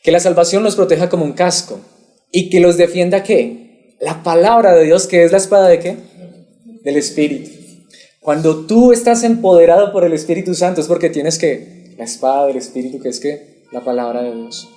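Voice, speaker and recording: A man's voice: a little high, normal speed, mellow, soft background music. A man preaching an expository sermon to his congregation, asking them questions and waiting for them to answer. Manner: asks the congregation questions and waits for replies. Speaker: pastor.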